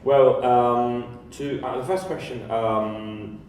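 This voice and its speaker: A man with a Greek accent whose first language is Greek, a composer answering questions on a live panel, halting and restarting words often. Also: mid-range voice, fairly even intonation, a little mellow, slight background noise. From Greece. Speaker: composer and pianist. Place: large echoey art fair hall. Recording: very echoey hall from far off.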